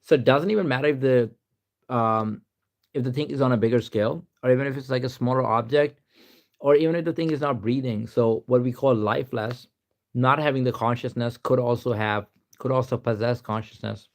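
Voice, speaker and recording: On a live stream, a young man with a Pakistani accent from Pakistan chats at a brisk clip in a medium-pitched voice. His talk rambles as he reads answers aloud, often tossing in "to be honest."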